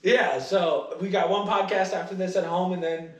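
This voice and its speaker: A young man hosts a podcast, his high-sitting voice holding a steady tone at a normal pace as he jokes and pokes fun at himself, laughing through his sentences. He sounds far from the mic, with a roomy echo around him.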